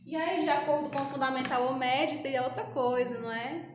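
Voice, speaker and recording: A woman's voice: high-pitched, steady tone, brisk, a little hiss or hum. A woman teaching an English class to Brazilian schoolchildren, patiently repeating and drilling pronunciation. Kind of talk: recorded online class. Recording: echoey room with faint ambience.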